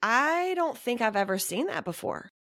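A woman's voice: fairly high pitch, very animated, normal speed, a bit bright, dry recording. A woman hosting a casual podcast interview in an effusive, gushing way. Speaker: podcast host.

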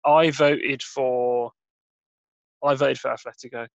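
A man hosting a casual football podcast, relaxed and hesitant with many fillers. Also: medium pitch, slow pace, gravelly, no room sound, lo-fi sound. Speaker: podcast host.

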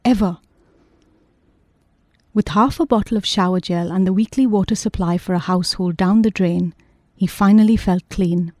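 A woman narrating an audiobook in a measured, even way. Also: medium pitch, no echo.

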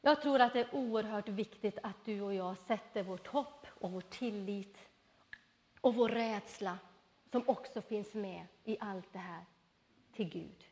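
A middle-aged woman preaching a sermon, telling personal stories in a lively way and acting out the voices she quotes. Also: mid-range voice. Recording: reverberant hall.

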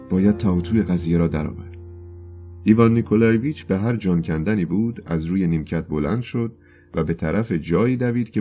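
A man reading a novel aloud in measured, scripted audiobook narration. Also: deep voice, mellow.

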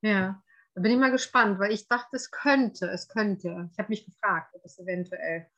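Woman podcast co-host, chatty, filler-heavy, casual review talk, mid-pitched. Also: steady tone, normal speed, a bit bright, highs cut off.

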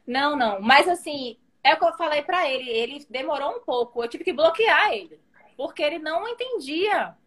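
Animated Brazilian woman telling a story. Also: high-pitched, normal speed. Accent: Brazilian Portuguese. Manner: dramatic storyteller, acts out dialogue. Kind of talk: casual chat, personal storytelling.

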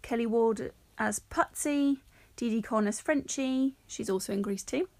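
A podcast co-host with a somewhat high, slightly slow and mellow voice chats casually about films, reading out her notes and laughing often. There's no echo on the recording.

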